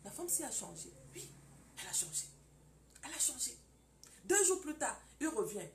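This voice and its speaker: Brief: emphatic female teacher preaching, lively swooping delivery. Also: high-pitched, moderate pace, crowd noise. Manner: emphatic, animated, acts out scenes. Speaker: founder of a marriage school for women. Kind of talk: preaching lesson.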